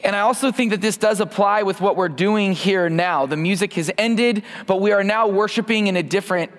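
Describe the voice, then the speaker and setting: Here a man in his thirties, miked up in a church hall, delivers a loose, self-deprecating sermon and prayer, regularly starting his sentences over. His voice sits high, he talks fairly quickly, and there's a long reverb tail.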